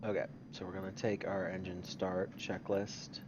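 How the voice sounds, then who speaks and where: A man's voice: low-pitched, little pitch movement, moderate pace. A man giving casual, offhand commentary while playing a flight simulator. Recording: dull audio, cockpit engine noise.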